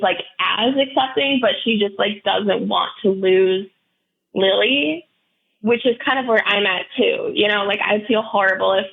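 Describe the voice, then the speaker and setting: A woman calls in to a show with a personal update, speaking haltingly and earnestly with many restarts. Her mid-range voice is hoarse and froggy, coming through a tinny phone line.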